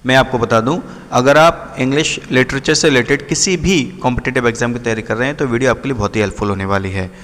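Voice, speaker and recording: A man explaining literary terms for exam preparation, slowing right down to read English definitions and checking in often with his students. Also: medium pitch, fairly bright tone, long reverb tail, slight background noise. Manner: repetitive, checks in often with the listener. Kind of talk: explanatory lesson.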